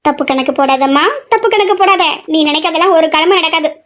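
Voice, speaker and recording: A woman's voice: very high voice, quick pace, fairly bright tone. A woman voicing a sleepy, cheeky college-age daughter who whines and talks back in a family comedy skit. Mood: defiant.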